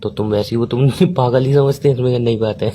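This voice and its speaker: A fast-talking man grumbles through a comedic phone-call sketch as an exasperated boyfriend. His voice is dark and mellow, and he teases and complains in quick bursts. A faint noise sits under the recording. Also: mid-range voice, fairly even intonation.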